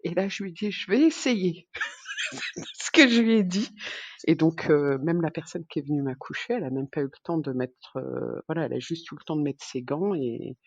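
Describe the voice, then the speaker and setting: Husky-voiced woman telling a lively story. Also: sits low, a little fast, no echo. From France. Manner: lively anecdote-telling, acts out quoted dialogue, laughs often. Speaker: podcast guest, expat mother. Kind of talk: casual storytelling interview. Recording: dull lo-fi recording.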